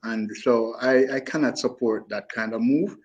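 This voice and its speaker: A man's voice: medium pitch, moderate pace, a little mellow. A man calls in to a radio talk show with a dull, fuzz-distorted phone line crackling over his voice. He pushes his point firmly and trips into repeated restarts as he goes. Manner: emphatic, stumbling restarts. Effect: fuzzy distorted phone line. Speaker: call-in guest. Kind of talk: opinionated radio call-in.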